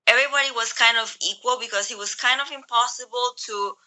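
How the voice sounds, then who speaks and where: Bright-voiced young woman, hesitant speech. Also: on the high side, quick pace, rough recording. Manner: hesitant, many fillers and restarts. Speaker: interviewee. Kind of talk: casual conversational recollection. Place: Greece.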